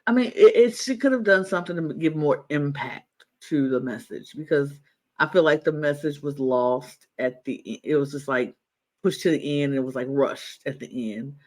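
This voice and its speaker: A man's voice: on the high side, normal speed. Enthusiastic, rambling male podcast co-host. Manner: enthusiastic, rambling, repeats himself. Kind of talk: casual chat.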